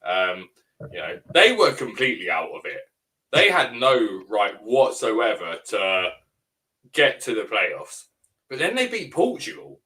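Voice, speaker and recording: A man's voice: on the low side, huge pitch swings, measured pace, pushed and bright, low-quality recording. A man co-hosting a podcast, chatting casually with a teasing, wry manner. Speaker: podcast co-host. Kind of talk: casual banter.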